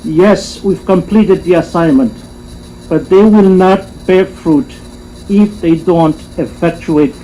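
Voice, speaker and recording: A man speaking as a convention delegate, giving a formal closing speech with measured, emphatic repetition. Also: high-pitched, mellow, rough recording. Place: assembly hall. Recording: faint room noise, live stream.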